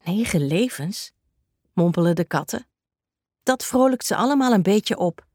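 A woman narrating a children's story in a slow and even way. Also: medium pitch, dry recording, studio quality.

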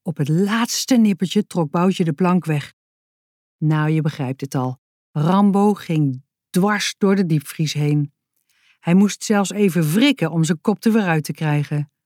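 A woman narrating a children's audiobook in a calm, measured storytelling manner, close to the mic. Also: lowish voice, no room sound.

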